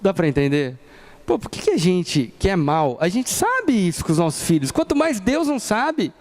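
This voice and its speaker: A man's voice: sits high, very animated, moderate pace, darkish tone. A Brazilian man in his thirties preaching a sermon and telling family stories, acting out the people in them. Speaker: pastor. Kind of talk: sermon with personal storytelling.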